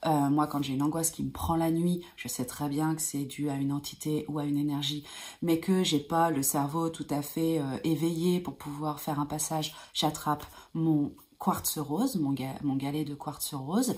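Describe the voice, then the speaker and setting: A woman energy healer talking to her viewers in a gentle, soothing way, repeating calming phrases like a mantra, with frequent hesitations and at times a soft whisper. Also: sits low. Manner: hesitant, many fillers and restarts. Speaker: energy healer giving advice. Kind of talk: advice vlog talking to viewers.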